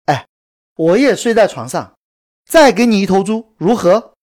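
A woman's voice: mid-range voice, big pitch swings, unhurried, a little mellow. A woman reading the lines of a wheedling middle-aged male peasant who bargains with his pigs.

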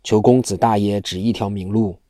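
A worried constable from an old storybook tale, sighing over a hopeless case, read by a man. The voice is low and mellow, dry and close. He sounds stuck and anxious. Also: steady tone, normal speed, no room sound, close to an everyday voice. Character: two worried county constables, men.

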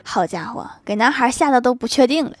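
A woman's voice: on the high side, expressive, fairly quick, noisy background. A woman telling jokes in a casual, teasing way and chuckling at her own punchlines. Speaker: online shop host telling jokes. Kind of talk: casual joke storytelling.

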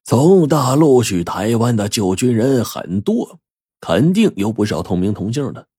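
A man voicing a kindly, gentle old ferryman with a soothing way of speaking. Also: medium pitch, very animated, unhurried, husky, no echo, clean studio sound. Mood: thoughtful.

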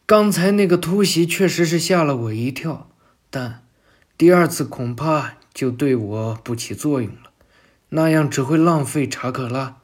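A man's voice: on the high side, unhurried, breathy edge. A man doing a sneering cyborg villain. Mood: taunting. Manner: sneering, taunting. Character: menacing cocky male villain cyborg.

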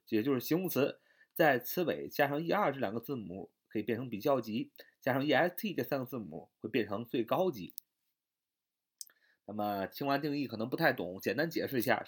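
A man teaching English grammar in Chinese, explaining step by step with many drawn-out fillers and repeated points. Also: medium pitch.

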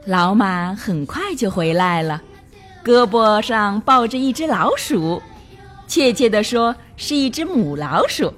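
Woman storyteller for kids, unhurried, expressive melody, light music behind. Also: medium pitch. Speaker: children's storyteller. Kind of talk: bedtime story narration.

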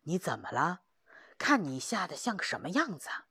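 A woman voicing an experienced old male hunter who speaks steadily and reassuringly, sometimes dropping to a hush. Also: lowish voice, very animated, moderate pace, breathy edge, dry recording, clean studio sound, heavily acted. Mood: questioning.

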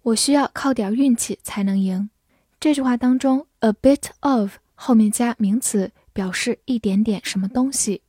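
A fairly high-pitched woman with a mellow, dark tone gives a scripted English vocabulary lesson. She speaks clearly and patiently and slows right down for example sentences. The recording is very dry and close, with no room sound. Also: no echo. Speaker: English teacher.

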